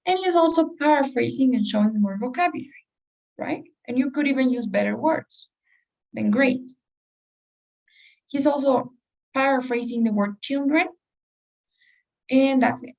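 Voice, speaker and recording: A woman's voice: sits high, measured pace, creaky, long pauses, a little mellow, recorded from a distance, poor audio. A woman teaching an English test-prep class, explaining step by step and putting questions to her students. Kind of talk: class lesson.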